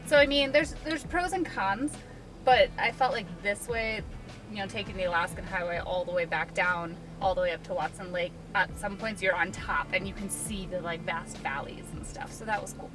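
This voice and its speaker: A woman's voice: medium pitch, normal speed. A woman from the United States chatting casually as a travel vlogger. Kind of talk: casual travel vlog chat. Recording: distant mic, music, vehicle vlog audio.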